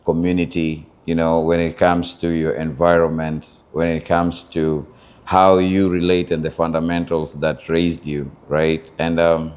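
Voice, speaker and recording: A Kenyan man with a notably low voice talks through his story as an interview guest. He speaks reflectively, pausing often with fillers while he searches for the right words. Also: flat delivery, darkish tone, clean tone. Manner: thoughtful, searching for words with many pauses and fillers. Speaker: interview guest, founder of a culture group.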